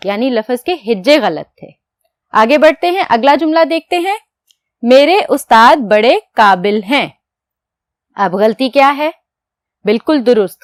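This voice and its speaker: A woman teacher giving a lesson to young students, explaining patiently step by step and asking questions that she answers herself, then dictating words slowly as she writes. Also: high-pitched, no echo, studio quality. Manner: dictates slowly while writing. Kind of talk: classroom lecture to children.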